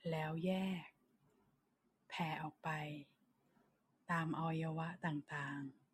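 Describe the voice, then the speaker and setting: Soft, breathy low-voiced woman guiding relaxation. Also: steady tone. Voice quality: soft, breathy voice that often slips toward a whisper. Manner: soothing, unhurried, short phrases with long pauses. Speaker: guided relaxation leader. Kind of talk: slow guided body-scan meditation for sleep.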